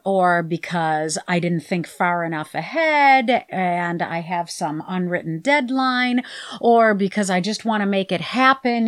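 Slow-paced woman hosting a podcast. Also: mid-range voice. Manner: candid and self-deprecating, laughing at herself. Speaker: podcast host. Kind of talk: reflective solo podcast monologue.

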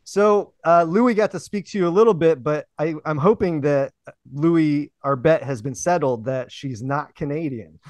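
A man's voice: a little high, moderate pace, darkish tone, dry recording. A man hosting a podcast, chatty and upbeat. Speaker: podcast host. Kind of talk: casual podcast chat.

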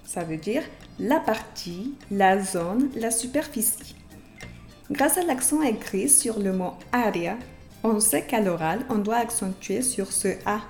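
A woman hosting a podcast language lesson who explains slowly and carefully, and who repeats example words for her learners. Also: mid-range voice, expressive, a little mellow, faint music behind. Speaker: Spanish teacher and podcast host.

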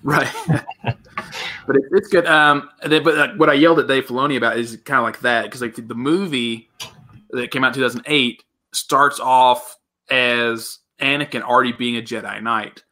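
A man co-hosting a podcast in casual chat, telling stories with quick asides. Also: mid-range voice. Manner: animated storyteller, quick asides. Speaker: podcast co-host.

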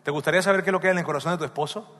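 A man's voice: on the high side, racing, a bit bright. A man preaching a sermon as a pastor, emphatic, who keeps asking his listeners direct questions. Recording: long reverb of a large hall.

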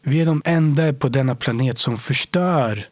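A man being interviewed, talking earnestly and reflectively, often sinking to a soft whisper to stress a point. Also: mid-range voice, dry recording. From Sweden. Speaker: interview guest.

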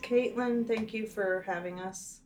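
A woman's voice: mid-range voice, steady tone, measured pace, over loud music. A woman co-hosting a podcast, interviewing a guest in a small hotel room, giving friendly encouragement and frequent murmurs of agreement. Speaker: podcast co-host.

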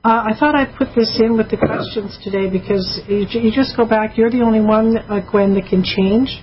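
A woman's voice: on the high side, steady tone, moderate pace. A woman co-hosting a radio show, reading listener emails aloud in a chatty, teasing way. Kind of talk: casual radio call-in talk. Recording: dull lo-fi radio audio with faint hiss.

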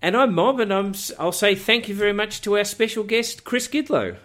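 Man, co-host, casual interview, halting with fillers, somewhat high voice. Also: very animated, a bit bright. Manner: hesitant, many fillers and restarts. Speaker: radio show co-host.

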